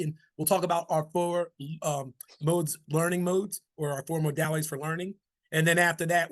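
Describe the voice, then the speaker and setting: A middle-aged man, giving an upbeat, folksy webinar presentation. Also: fairly high pitch. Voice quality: raspy.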